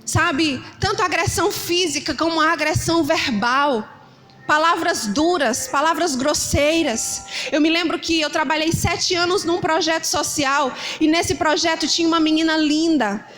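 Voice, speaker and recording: A middle-aged woman pastor with a Ceará Brazilian Portuguese accent delivers a sermon, her voice sitting high. She tells stories in a lively way and mimics shouting parents. Faint music plays beneath her. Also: moderate pace. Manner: animated storytelling, acting out shouting parents.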